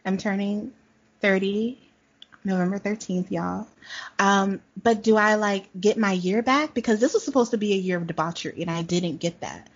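A woman's voice: mid-range voice, moderate pace, muffled recording. A woman in her late twenties co-hosting a podcast, playful and dramatic in casual chat. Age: 20s. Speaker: podcast co-host.

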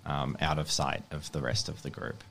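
A man playing a tabletop game, speaking calmly and confidingly in and out of character. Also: normal speed, gravelly, a little hiss or hum. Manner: calm, low-key and confiding. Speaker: player.

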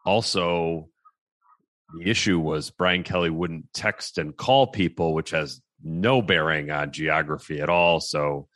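A man's voice: a bass voice, a bit bright, no room sound. A man co-hosting a sports talk show, giving dry, mocking commentary.

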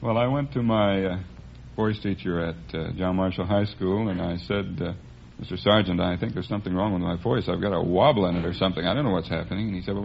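A man of about thirty from Los Angeles, with an American accent and a fairly low, gravelly voice, tells stories conversationally as a quiz contestant and amateur singer. The 1950s radio recording is muffled and noisy.

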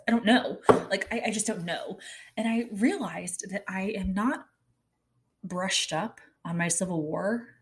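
A woman in her thirties from Kansas City, hosting a loose, comedic solo chat. She rambles from one aside to the next and fills her talk with "like." Her voice sits on the low side. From Kansas City, Kansas, USA. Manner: rambling, chatty, heavy use of "like". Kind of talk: casual comedic monologue.

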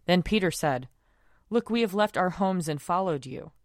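A woman worship leader reading scripture and prayers aloud in a solemn, measured, formal way. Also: lowish voice, lively intonation, no room sound, clean studio sound. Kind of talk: liturgical reading and recited prayer.

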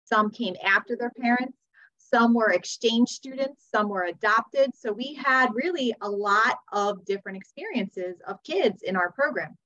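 A woman's voice: on the high side, unhurried, bright, forceful tone. An American woman in her forties telling her story conversationally as a podcast guest, on slightly dull audio. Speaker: podcast guest, teacher and author.

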